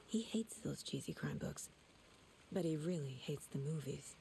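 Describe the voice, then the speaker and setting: An actress playing a focused female FBI agent in a video game, musing to herself in a hushed manner. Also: sits low, expressive, unhurried, creaky, slight background noise, heavily acted, poor audio.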